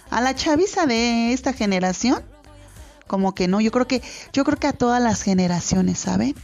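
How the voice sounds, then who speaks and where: A radio host with a Mexican accent speaks from a studio in a medium-pitched, slightly mellow voice. She gives parents advice in a casual, earnest monologue, rambling with plenty of fillers and restarts.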